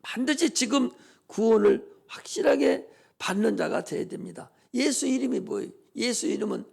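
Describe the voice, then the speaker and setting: An older male pastor preaching a sermon with urgency. He repeats and shouts a prayer, then scolds the listeners informally. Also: very high-pitched, normal speed, gravelly, breathy edge.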